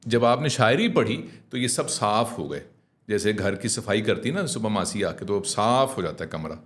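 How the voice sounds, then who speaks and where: A middle-aged man, a communication trainer, coaching a host in clear speech in an animated, conversational way, often slowing down to demonstrate. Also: fairly low pitch. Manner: animated, mixing English phrases, demonstrating slow clear diction.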